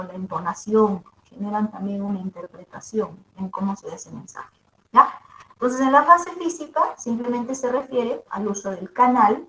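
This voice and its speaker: A woman's voice: medium pitch, sharp tone. A woman teacher with a mezzo-soprano voice gives a classroom lecture, checking in with her students after each point. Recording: echoey room.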